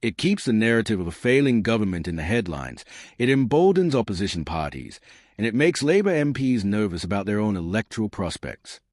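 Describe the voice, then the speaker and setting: A man's voice: fairly low pitch, sing-song, a little fast, a little mellow, no echo, studio quality. A man narrating scripted political commentary in an emphatic, dramatic and scornful way.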